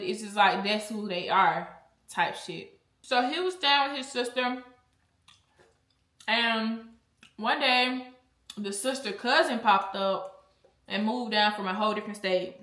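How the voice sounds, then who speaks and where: A woman's voice: fairly high pitch, slow pace, bright, forceful tone, reverberant. A woman vlogger telling a storytime in a blunt, chatty way while eating, and she often drifts off topic. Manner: chatty, blunt, easily sidetracked.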